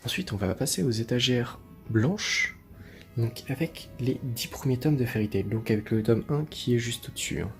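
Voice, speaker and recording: A man hosting his own video, chatting casually and showing off his collection, relaxed and full of hesitations and fillers. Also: medium pitch, normal speed, faint music behind. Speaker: manga collection video host.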